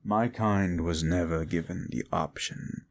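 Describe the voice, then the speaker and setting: In an audio roleplay drama, a man voices a brooding, bitter fallen demon who lectures the listener slowly and condescendingly, his voice low and creaky.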